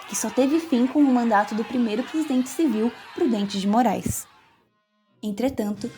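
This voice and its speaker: A young woman reading scripted narration in a steady, explanatory manner. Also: a little high. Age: young adult.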